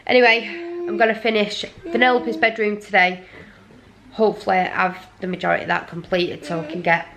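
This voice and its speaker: A woman's voice: mid-range voice, flat delivery, a little fast, a crowd in the background. A tired woman rambling apologetically in a casual home vlog. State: exhausted. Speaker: parent vlogger. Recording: noisy home recording.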